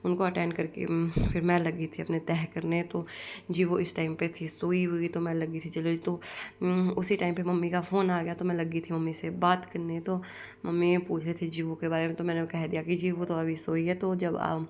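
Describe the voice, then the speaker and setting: A woman's voice: on the low side, completely flat delivery, moderate pace, darkish tone. A young woman, casually narrating her day as a vlogger, rambling from one thing to the next. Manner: rambling, strings lines together with "so guys". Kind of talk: casual vlog voice-over narration.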